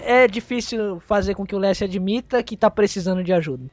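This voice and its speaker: A man co-hosting a casual podcast, retelling a TV episode in a relaxed way and tagging his sentences with quick checks to his listeners. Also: high-pitched, dry recording, faint music behind. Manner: relaxed retelling with frequent "né?" tags. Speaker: podcast co-host. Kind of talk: casual recap chat about a TV episode. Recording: dull lo-fi audio.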